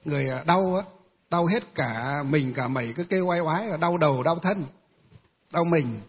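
Brief: male Buddhist monk, fairly high husky voice, hesitant storyteller. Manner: hesitant, many filler pauses. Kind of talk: storytelling dharma talk. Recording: tinny phone-like sound in a reverberant hall.

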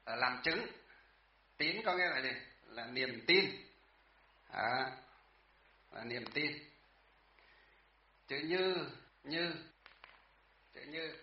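A man's voice: a little high, animated, very slow, gravelly, pauses often. A man teaching a class about Chinese characters, patient and repetitive, often asking the class questions. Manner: patient, repeats words, asks the class questions. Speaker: Buddhist teacher. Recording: echoey, distant, dull room sound.

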